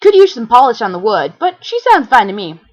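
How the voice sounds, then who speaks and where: A woman voicing a dry, sarcastic female unicorn musician in a wry, deadpan manner while reading fan fiction aloud. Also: on the high side, a little fast, no echo, muffled recording.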